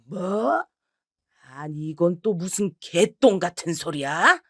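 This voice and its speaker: A woman's voice: lowish voice, animated, slow, a bit bright, no room sound, studio quality, full character voice. A woman voicing an older father who scolds bluntly, then coaxes his daughter, in a storytelling reading. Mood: gruff. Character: gruff worried older father.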